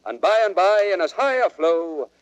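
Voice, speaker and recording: Animated, mocking young prince. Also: male voice, high voice, moderate pace, clean tone, dull audio. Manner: bantering, declamatory. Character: idle young prince, witty, mocking tavern companion. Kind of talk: old radio-style Shakespearean acting.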